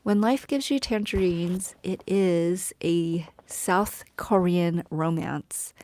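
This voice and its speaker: Woman, live streamer, tired, rambling casual chat, soft whispery delivery, slow, gravelly, dry close sound. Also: on the low side, no room sound. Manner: rambling, tired, yawning, chats with viewers.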